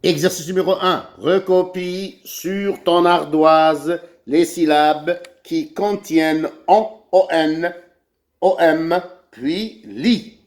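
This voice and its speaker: Very slow French teacher spelling syllables. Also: male voice, on the high side, fairly even intonation. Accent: Algerian French. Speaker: primary school teacher. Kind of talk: reading lesson for children.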